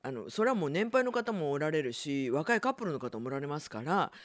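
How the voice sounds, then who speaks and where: Reading listener letters on her late-night radio show, a middle-aged woman chats casually and fast, with a slight coloring to her speech. Her relaxed, natural voice is fairly low but ranges widely in pitch, giving her an animated, self-deprecating air and easy laughter.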